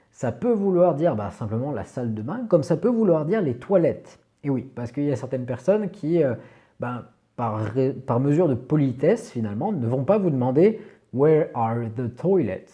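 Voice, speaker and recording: Man, french native speaker, very dark voice, lively pitch, patient pronunciation teacher. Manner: patient, repeats English words slowly for learners. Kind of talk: explanatory video lesson.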